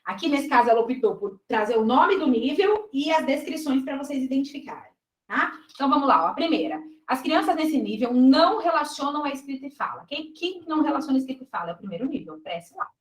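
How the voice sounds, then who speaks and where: Fast and lively, her high voice carries through an echoey room on a rough recording as she reviews exam questions in Brazilian Portuguese. The woman explains things step by step and repeatedly checks in with her class.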